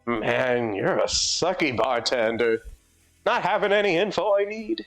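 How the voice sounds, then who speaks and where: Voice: medium pitch, animated, unhurried, a bit bright, faint music behind. A streamer voicing a pushy male bar customer with a put-on New York accent, goofy and nasal, asking questions and complaining, in live fan voicing of a game. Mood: whiny.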